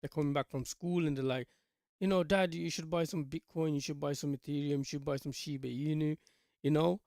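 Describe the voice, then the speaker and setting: Man, bitcrushed robotic voice-call mic, breaking up, gravelly, dry sound. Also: on the high side, fairly even intonation, fairly quick, a little mellow, dry recording. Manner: loose and rambling, fillers like "you know" and "man". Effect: robotic, glitchy, bitcrushed mic breaking up. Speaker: crypto community member on a group voice call. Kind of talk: casual chat. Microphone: faulty online voice-call mic.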